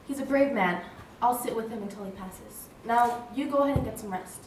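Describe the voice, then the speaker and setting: A woman playing a compassionate, calm and steadfast wartime nurse in a stage play. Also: on the high side, brisk, a little hiss or hum, close to an everyday voice. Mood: solemn, tender. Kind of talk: stage musical play dialogue. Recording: very echoey stage, distant mic, loud music.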